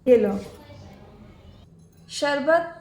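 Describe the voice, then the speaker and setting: A woman's voice: high-pitched, animated, drawn-out words, darkish tone, soft background music, full character voice. A woman playing a patient, hardworking young daughter-in-law who answers politely and tries to please. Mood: placating. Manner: polite, placating, eager to please. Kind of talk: homemade family skit acting. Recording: echoey room.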